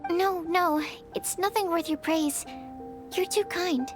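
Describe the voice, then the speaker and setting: In a video game cutscene with music behind, a woman voices an earnest young female alchemist who is formal and polite but stammers when flustered. Her voice is very high and her pace is slow.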